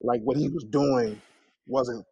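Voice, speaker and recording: Speaking slowly with vocal fry and a breathy edge, this man has a mid-range voice and the recording carries no room sound. He's a singer in an interview, spinning lively stories where he reenacts conversations and sprinkles in "you know" and "man" along the way.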